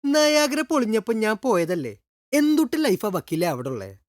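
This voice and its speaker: An actor playing an eager, pleading young sidekick in a comedy film, wheedling colloquially in a Thrissur Malayalam accent. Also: male voice, high-pitched, very animated, normal speed, dry recording, studio quality. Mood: pleading, earnest. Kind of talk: naturalistic film comedy acting.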